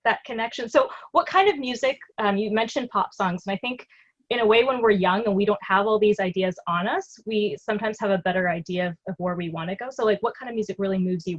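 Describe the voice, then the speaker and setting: A woman's voice: medium pitch, slightly rough. Chatty female interviewer on dull audio. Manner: chatty, empathetic, relating own experience. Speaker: interviewer, fellow singer. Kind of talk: casual conversational interview.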